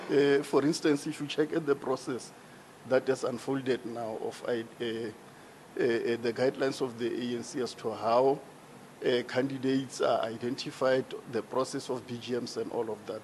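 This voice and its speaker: A man's voice: mid-range voice, darkish tone, slight background noise. Formal South African man explaining. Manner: formal, explanatory, rising emphasis. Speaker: regional party executive member on a panel. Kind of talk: town hall debate answer. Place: large indoor hall with seated audience. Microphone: handheld microphone.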